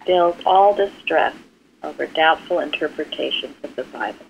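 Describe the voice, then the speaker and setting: Woman host over the phone: low-ish voice, greets callers warmly and briefly, dull muffled phone line with faint hiss. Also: normal speed, gravelly. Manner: friendly, brief greetings and soft laughs. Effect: heard over a telephone line. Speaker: host of a Bible study call. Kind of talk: greeting callers and hosting a phone-in Bible study.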